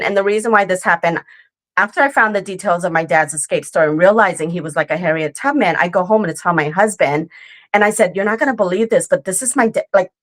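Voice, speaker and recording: An earnest woman in her forties tells a personal story as an interview guest. Her voice sits a little low. She talks it through casually and keeps checking in with the listener. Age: 40s. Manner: earnest storytelling with frequent "right?" and "like". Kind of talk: conversational interview.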